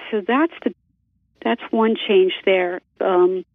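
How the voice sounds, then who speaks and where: Halting woman caller, whistling lisp, phone line. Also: medium pitch, steady tone, no echo. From New Jersey, US. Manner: halting, hesitant, many ums. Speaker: caller on a radio show. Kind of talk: casual phone call. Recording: tinny, narrow telephone line.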